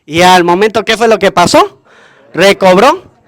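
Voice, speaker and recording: A man's voice: high-pitched, expressive, measured pace, no echo. A man, a priest, preaching a homily at Mass, asking the congregation questions and answering them himself. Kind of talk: call-and-response homily at Mass.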